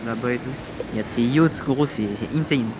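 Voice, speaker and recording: A man's voice: mid-range voice, a little fast, background noise. Young man vlogging in casual slang. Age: young adult. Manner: slangy, informal. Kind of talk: casual travel vlog chat. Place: mostly outdoors at a seaside city, later inside an apartment.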